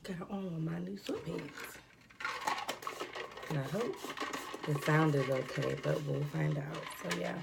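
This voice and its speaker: Low, gravelly woman chatting while eating. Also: slow pace, long pauses, heavy background noise. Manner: rambling, filler-heavy, relaxed. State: congested, breathing heavily from a cold. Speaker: mukbang vlogger. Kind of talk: casual chat while eating. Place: at home indoors.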